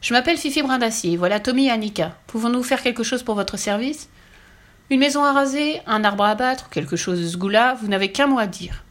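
A woman voicing a cheeky, fearless little red-haired girl in a storybook reading, raising her voice high and teasing. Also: a little fast, lightly acted. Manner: bright, teasing, mock-polite.

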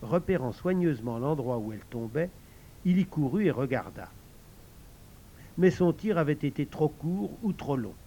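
Man, audiobook narrator, expressive, lively pitch, slightly high voice. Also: moderate pace, lo-fi sound, a little hiss or hum. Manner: expressive storytelling.

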